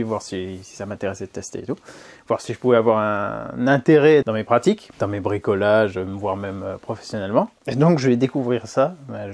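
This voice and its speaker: A man's voice: mid-range voice, a little mellow. Brief: French man in a mid register, chatty DIY host who rambles and pokes fun at himself, filming in a cold garage. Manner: chatty, self-mocking, rambling. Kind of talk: casual talk to camera.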